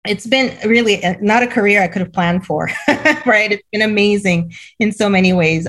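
A middle-aged woman from Cameroon, a school CEO, telling her story in a casual interview, laughing often and repeating words as she goes. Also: on the low side.

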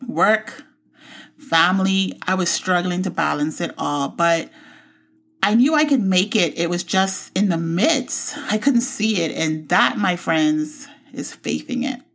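A woman's voice: on the low side, big pitch swings, unhurried, creaky, a bit bright. A woman in her forties from the Bahamas, hosting her own show and telling her personal faith story in a reflective, heartfelt way. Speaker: podcast host.

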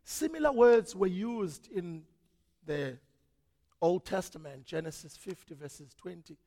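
A man preaching a sermon as pastor, swinging from loud, dramatic preaching to hushed tones. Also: a little high, slow pace, gravelly. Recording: long reverb of a large hall.

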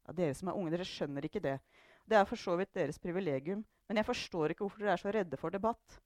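A woman voicing a sharp-tongued, sarcastic elderly grandmother who loves provoking her family. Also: fairly low pitch, no echo, clean studio sound, natural voice. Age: older. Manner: sarcastic, declaiming.

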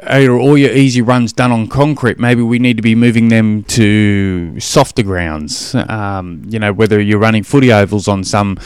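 A man's voice: on the low side, steady tone, normal speed, few pauses, clean tone, dry recording, clean studio sound. A man hosting a podcast, giving coaching advice in a rambling, matey way full of fillers. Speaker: podcast host and running coach. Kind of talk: casual monologue answering a listener question.

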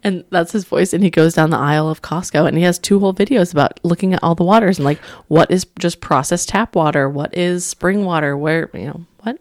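A woman's voice: fairly low pitch, a little fast, hardly any pauses, no echo. A woman chatting casually as a podcast co-host, giggly and filling her talk with "like" and "um". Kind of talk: casual chat.

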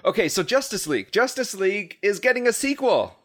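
A man's voice: high-pitched, very animated, brisk, dry recording. Chatty young man, dry close sound. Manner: chatty, laughs often, hesitant fillers. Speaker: podcast co-host. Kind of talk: casual chat.

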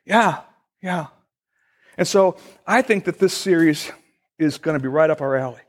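A man's voice: fairly high pitch, animated. Storytelling pastor, man with a raised voice. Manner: conversational storytelling with pauses. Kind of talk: sermon.

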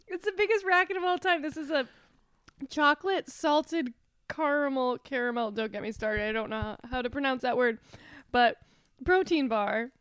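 A woman's voice: high voice, moderate pace, a bit bright, clear, resonant tone, no room sound. A woman co-hosting a casual comedy podcast, giggling often as she talks. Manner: giggly, laughs often while talking. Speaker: podcast co-host.

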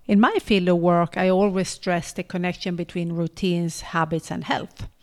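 Woman cohosting a podcast, upbeat and chatty, slightly low voice. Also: steady tone, moderate pace, a little mellow. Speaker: podcast co-host. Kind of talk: casual podcast chat.

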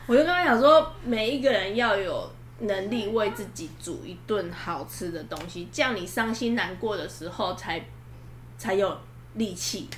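A woman co-hosting a podcast chats casually and tells stories in a rambling way, often restarting her sentences. Her mid-range voice is animated at a moderate pace, with crowd noise and roomy echo around her.

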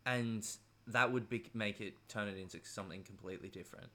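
A man being interviewed speaks in a low voice that still sounds bright and forward. His delivery is conversational, meandering and hesitant, yet fairly quick.

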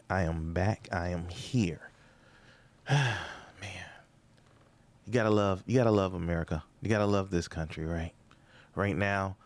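Hosting his own podcast, a male comedian meanders through a funny monologue, tossing in rhetorical questions and sarcastic remarks. His voice sits low.

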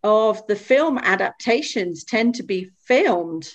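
A woman guest chats casually on a podcast. She talks at a mid pitch and sometimes pauses to search for the right word. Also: lively intonation, muffled recording. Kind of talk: casual chat.

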